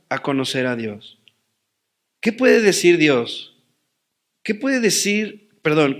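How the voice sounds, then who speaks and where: Gravelly-voiced male preacher. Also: a little high, fairly bright tone. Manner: preaching with rising emphasis and rhetorical questions. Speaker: pastor. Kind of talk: sermon.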